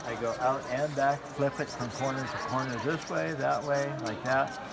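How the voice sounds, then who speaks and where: A man's voice: mid-range voice, steady tone, normal speed. A middle-aged man giving a casual, folksy live hands-on demonstration, explaining plainly and repeating himself for emphasis. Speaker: knife sharpening demonstrator. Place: large expo hall with concrete floor. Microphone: handheld camera a step or two away. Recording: noisy hall, handheld camera mic. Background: clear background noise of an expo hall.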